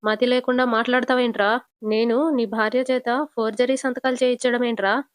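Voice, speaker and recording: A woman's voice: fairly high pitch, flat delivery, normal speed, no room sound, studio quality, close to an everyday voice. A woman voicing an arrogant older businessman uncle who brushes off accusations with contempt. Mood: scornful. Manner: contemptuous and dismissive.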